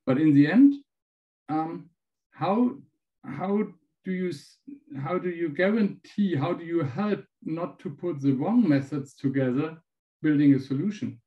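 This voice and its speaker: A man with a German accent asking a question, halting and restarting as he searches for words. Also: fairly high pitch, expressive, phone-quality sound. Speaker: audience member asking a question.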